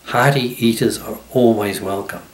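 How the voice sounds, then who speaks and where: A man's voice: fairly low pitch, moderate pace, roomy sound, lightly acted. An older man voicing a friendly, hearty male penguin.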